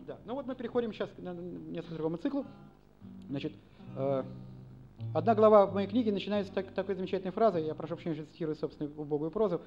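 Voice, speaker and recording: A man's voice: high-pitched, animated, fast, dark tone, muffled recording, faint music behind. A man from Saint Petersburg, a singer-songwriter, rambling and self-deprecating between songs at a live performance. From Saint Petersburg, Russia. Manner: rambling, self-deprecating, hums and sings snatches of tunes.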